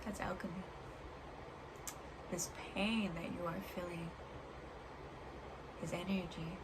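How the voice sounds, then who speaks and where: A woman speaking as a vlogger in a reflective personal monologue, earnest and halting, pausing between short phrases. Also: fairly low pitch, fairly even intonation. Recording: clear background noise.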